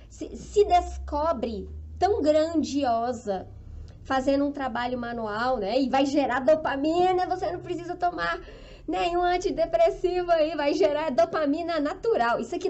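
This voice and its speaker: A woman's voice: high voice, a little mellow, highs cut off. A Brazilian woman hosting a live stream on flower arranging, talking in an enthusiastic, motivational way and often checking in with her viewers while she works on an arrangement. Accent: Brazilian Portuguese. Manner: enthusiastic, upbeat, keeps checking in with the audience.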